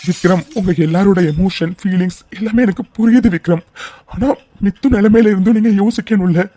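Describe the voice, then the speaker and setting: Actor voicing a cartoon young man, earnest, explaining, warm mellow voice. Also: medium pitch, fairly quick, lightly acted.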